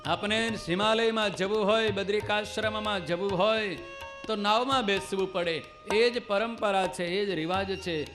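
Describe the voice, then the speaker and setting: A man's voice: high voice, moderate pace, a bit bright. A man voicing the humble ocean spirit. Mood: pleading. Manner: reverent, pleading. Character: personified ocean, humble male spirit with folded hands. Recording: clear devotional music with tabla behind.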